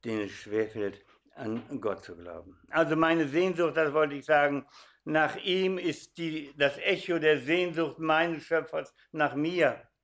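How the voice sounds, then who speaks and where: A man's voice: fairly high pitch, a little slow. An older man giving a sermon, telling stories and speaking directly to his listeners. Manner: animated storytelling, addresses audience directly. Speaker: preacher.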